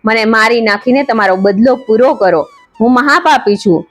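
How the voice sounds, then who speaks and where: A woman's voice: a little high, moderate pace, close to an everyday voice. Remorseful male hunter, begging and contrite, a woman narrator reads him, storybook telling. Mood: pleading.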